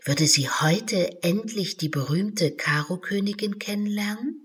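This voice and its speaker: A woman reading a children's storybook aloud, slow and measured, dropping to whispers at times. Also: medium pitch, husky. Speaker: narrator.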